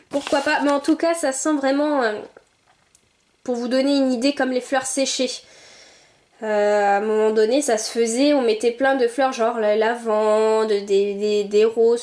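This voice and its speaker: A woman's voice: on the high side, steady tone, a little slow, a little mellow. A young woman chatting casually as she opens and sniffs collectible figurines, thinking aloud with little exclamations. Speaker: vlogger unboxing collectible figurines. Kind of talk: casual unboxing commentary.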